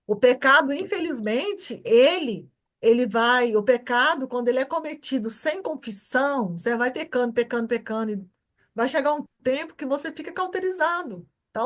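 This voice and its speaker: A woman with a Brazilian Portuguese accent teaching an informal Bible class at church. She repeats her points and keeps checking that the class understands. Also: high-pitched. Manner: repetitive, keeps checking understanding with short tags.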